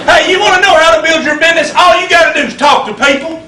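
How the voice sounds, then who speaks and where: A man's voice: extremely high pitch, fast, a faint crowd. A man giving a funny, folksy motivational talk on stage to a live audience. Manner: folksy, drawling storyteller with punchlines. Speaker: motivational speaker. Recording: roomy hall, distant mic, loud noise.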